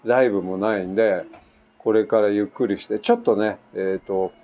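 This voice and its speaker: A man's voice: lowish voice, moderate pace, lo-fi sound. A man in his sixties from Japan, chatting casually through a story with many asides, recording at home. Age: 60s. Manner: chatty, animated anecdote telling with frequent asides. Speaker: vlogger. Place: at home on an island, construction nearby. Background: faint construction noise.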